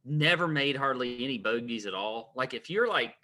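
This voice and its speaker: A man with a bright, forceful voice, co-hosting a casual golf betting podcast. He tells stories in an animated way, full of "like" and "y'all". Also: mid-range voice, moderate pace. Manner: animated storytelling, drawls "y'all". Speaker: podcast co-host.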